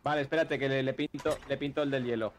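A man's voice: mid-range voice, fairly even intonation, fast. A man, talking business in character during game role-play.

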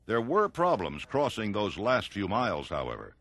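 A man giving scripted documentary narration in an even, informative way. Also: on the low side, normal speed. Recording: narration over clear music.

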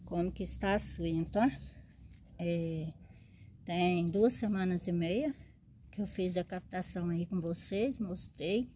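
A woman talks slowly and fondly as she shows off her plants, often checking in with her viewers. Her voice is mellow and unhurried, like a casual show-and-tell vlog. A faint hum of ambience sits behind her. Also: fairly low pitch. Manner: chatty, fond, checks in with "tá?" and "né?". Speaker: succulent grower and seller.

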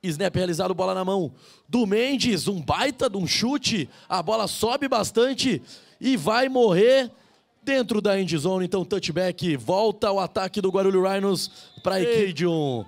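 A Brazilian man works as a play-by-play commentator on live American football. His voice is very high for a man, with a creaky, gravelly edge. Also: lively intonation, measured pace.

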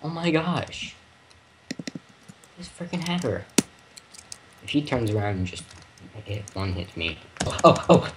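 A man's voice: fairly low pitch, big pitch swings, measured pace, pauses often, noisy background. A man chatting and teasing a friend during a game, getting frustrated. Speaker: gamer. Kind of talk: casual gaming chat.

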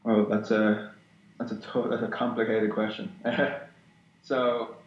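A young adult man from Ireland, a guest concept artist in a casual interview, speaks slowly in a lowish, level voice. He talks hesitantly with many fillers and restarts. He's indoors in a small room at home on a video call webcam, and the audio is dull and roomy with faint noise.

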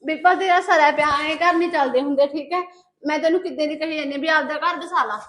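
Woman doing a fast scolding wife, high voice. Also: fairly bright tone. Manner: scolding, defensive, insists she did nothing. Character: young wife, worried about her home, defensive. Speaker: wronged sister-in-law, the wife. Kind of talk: amateur short-film acting.

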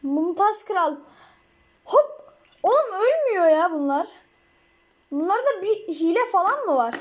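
A woman giving casual gameplay commentary, excitable and rambling, with frequent outbursts. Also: very high-pitched, normal speed. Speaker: mobile gamer.

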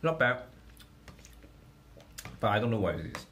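Slow, halting man. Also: lowish voice, very animated, a bit bright, slight background noise. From Hong Kong. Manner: halting, repeats words while tasting. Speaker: livestreamer. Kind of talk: casual livestream food tasting.

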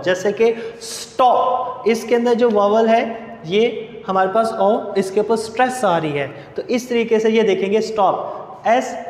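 A man giving an English grammar lecture over slides, explaining slowly and spelling out words letter by letter. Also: sits high, a little mellow. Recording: echoey room with long reverb.

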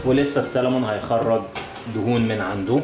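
Over music in an echoey home kitchen, a cooking show host with an Egyptian Arabic accent runs a casual demonstration, explaining every step as he cooks. He speaks quickly, at a medium pitch.

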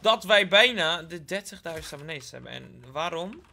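A man's voice: a little high, animated, moderate pace, gravelly, bright, forceful tone, slight background noise. A young man from the Netherlands with a Dutch accent, giving playful live gameplay commentary, joking with his viewers and dropping English slang. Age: young adult. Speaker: gaming YouTuber.

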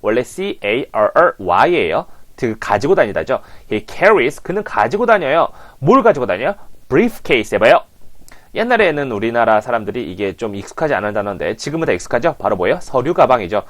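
A man's voice: mid-range voice, very animated, moderate pace. A man teaching English as a coach, animatedly prompting listeners to repeat phrases, on a lapel mic. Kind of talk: language lesson.

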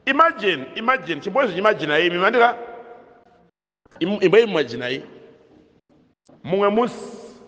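A man's voice: sits high, a bit bright. A man teaching a catechism lesson, questioning his listeners and repeating key phrases. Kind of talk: catechism lesson mixing Shona and English. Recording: dull sound with long hall echo.

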